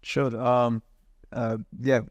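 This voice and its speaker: Male interview guest, polished educated Indian accent; informal explainer, mid pitch, very dry recording. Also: flat delivery, extremely slow, dry recording, lo-fi sound. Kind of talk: conversational interview answers.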